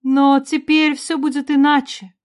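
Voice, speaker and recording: A woman reading an audiobook, voicing a tearful older queen mother who speaks high, loud and slow. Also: steady tone. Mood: tearful, pleading.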